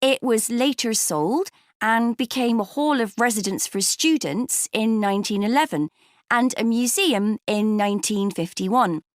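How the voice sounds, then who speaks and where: A welcoming museum guide. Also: female voice, a little high, expressive, a little slow, no room sound, clean studio sound. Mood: informative. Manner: clear, informative welcoming address. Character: friendly female farming museum guide addressing visitors. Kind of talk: scripted exam monologue.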